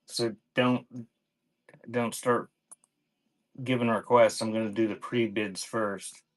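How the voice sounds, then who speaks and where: In a slow, steady, lowish voice, a man hosts a live online auction of cassette tapes. His talk is casual livestream rambling: informal, thought out loud, with sentences that often trail away.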